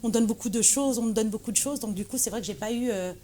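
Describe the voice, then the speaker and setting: A woman's voice: on the high side, quick pace, mellow, slight background noise. A woman from Morocco, a guest chatting in an interview with many fillers and restarts. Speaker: guest, association president. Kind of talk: casual interview conversation.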